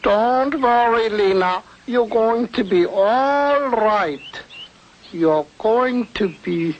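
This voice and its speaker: An actor playing a fretful old male cheese farmer who pleads and wails for help, with halting foreign-sounding grammar, in an old cartoon. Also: high-pitched, expressive, lo-fi sound, a little hiss or hum, heavily acted. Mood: distressed. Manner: slow, pleading, wailing.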